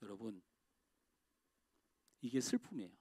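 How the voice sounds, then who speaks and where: A middle-aged man preaching a sermon as pastor in a church. He swings from loud, emphatic outbursts to quiet, confiding asides. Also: fairly low pitch, very animated, measured pace, dry recording. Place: church sanctuary.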